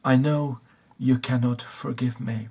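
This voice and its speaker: A preacher voicing a remorseful prison guard. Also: male voice, mid-range voice, fairly even intonation, measured pace, darkish tone, husky. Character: remorseful male prison guard, broken, repentant.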